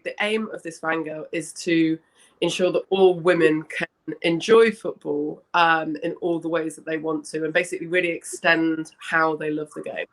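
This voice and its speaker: A young woman, hoarse from a cough with a slight smoker's rasp, chatting in a rambling, self-correcting way as an interview guest. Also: sits low, a bit bright. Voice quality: slightly husky, smoky rasp. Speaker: interview guest, founder of a women's football fan community. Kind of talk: casual interview chat.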